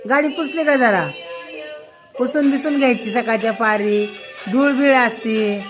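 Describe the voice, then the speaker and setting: Woman, mother chatting with a small child, high voice, unhurried, playful coaxing tone. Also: music in the background. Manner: coaxing, playful, sing-song. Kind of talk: casual talk with a toddler at home.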